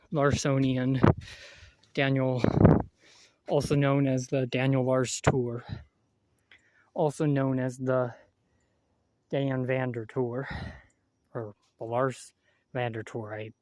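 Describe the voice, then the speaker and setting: A young man giving a rambling, halting tour of a mountain hike outdoors, out of breath and filling pauses with many ums, talking into a handheld phone. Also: mid-range voice, a little mellow, no echo. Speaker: vlogger giving a hiking tour. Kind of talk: casual hiking vlog.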